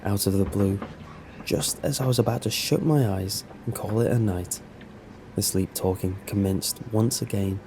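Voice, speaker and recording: A man narrating a scripted first-person story in a measured, serious way. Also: fairly low pitch, dark tone, slight background noise, low-quality recording.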